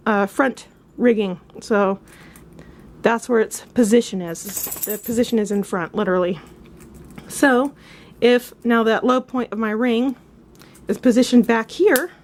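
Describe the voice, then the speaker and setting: A woman's voice: on the high side, a little mellow, slight background noise. A woman giving a casual, upbeat riding lesson, chatty and full of asides, now and then coughing. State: coughing at times. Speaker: riding instructor. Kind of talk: casual instructional demonstration.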